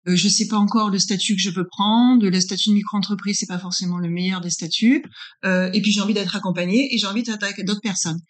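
Her mid-range voice holds a steady tone while she talks fast. She's a woman in her forties from northern France, an interviewed guest working as a business incubator consultant, explaining things in a chatty way and pausing to check in along the way.

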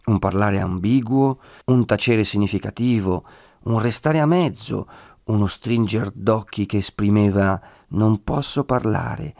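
A man narrating a classic novel in a measured, steady reading voice. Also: fairly low pitch, no room sound, studio quality. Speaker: audiobook narrator. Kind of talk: scripted narration.

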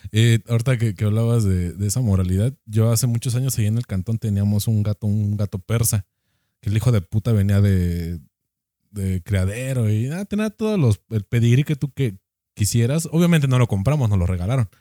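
Mexican dude rattling off a crude story super fast, dark tone, dry sound. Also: male voice, on the low side, no echo. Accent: Mexican Spanish. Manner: slangy, profane, animated anecdote. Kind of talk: casual storytelling chat.

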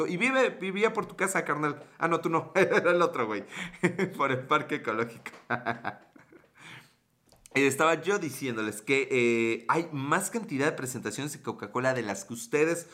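A man's voice: medium pitch, fairly bright tone. A man with a Mexican accent hosting a casual livestream, joking in slang and greeting viewers by name. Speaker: livestream host.

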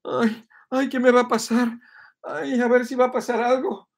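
A man's voice: very high-pitched, little pitch movement, normal speed, creaky, pitched above the performer's own voice, exaggerated voice. A man voicing a panicky, frightened person who whines and frets with sighs of "ay". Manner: whiny, fretful sighs of "ay".

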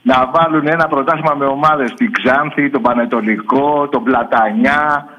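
A man calling a sports radio show by phone, telling jokes about rival fans in a rambling, quick, chuckling way. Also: mid-range voice, steady tone, bright, forceful tone, highs cut off, a little hiss or hum. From Greece. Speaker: radio caller, football fan. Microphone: phone line.

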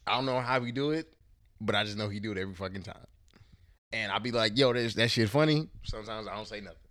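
A man's voice: on the low side, fast, fairly bright tone. A man from Houston, a podcast guest talking in a loose, slangy, profane way, often trailing off and searching for words. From Houston, Texas. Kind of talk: casual podcast conversation.

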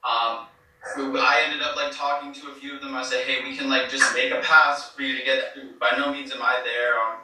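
Man on a low-quality, echoey streamed clip. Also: little pitch movement, a little fast, bright, forceful tone, far from the mic. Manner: hesitant, many fillers and restarts. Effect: low-quality streamed clip audio. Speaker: eyewitness being interviewed. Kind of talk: casual spoken account.

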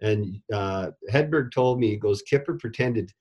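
Speaking at a moderate pace, a middle-aged man with a fairly low, darkish voice recounts stories from his days as a goalie coach. The interview is casual, and his rambling delivery has him repeating words when sentences restart.

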